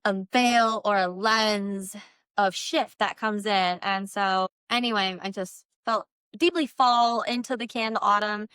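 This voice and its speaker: Female craft vlogger, crisp and bright, loose conversational delivery, earnest spiritual bent, filler-heavy. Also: medium pitch, dry recording. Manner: informal, meandering, frequent "like" filler; earnest, spiritual new-age way of explaining. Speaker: candle maker presenting own work. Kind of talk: casual rambling product vlog.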